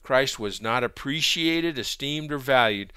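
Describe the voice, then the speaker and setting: Emphatic male preacher, bright crisp voice. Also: mid-range voice, lively intonation, no echo, studio quality. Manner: emphatic, measured delivery with repeated word lists. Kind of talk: sermon.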